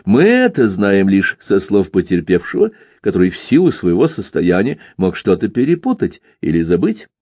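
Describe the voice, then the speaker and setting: A man's voice: deep voice, sing-song, moderate pace, few pauses, darkish tone, no room sound. A man voicing a cynical, bigoted male police investigator who questions with dry, needling remarks.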